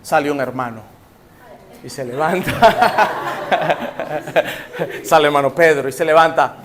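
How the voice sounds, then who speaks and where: A man's voice: fairly high pitch, slow, a bit bright, slight background noise. A male pastor with a Nicaraguan accent preaching conversationally, acting out little scenes. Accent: Nicaraguan Spanish. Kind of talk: sermon.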